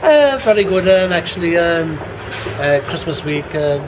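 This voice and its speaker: Cheery older street singer. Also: male voice, on the high side, sing-song, measured pace, background noise. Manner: cheerful, chatty. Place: city street outdoors.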